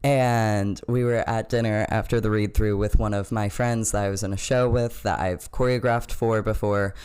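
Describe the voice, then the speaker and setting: A young man speaks in a low register with a clean, smooth tone. He is a playwright being interviewed, and he explains and tells stories at length, with energy. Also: moderate pace. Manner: animated storyteller, explains at length. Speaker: playwright and actor. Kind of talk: casual interview.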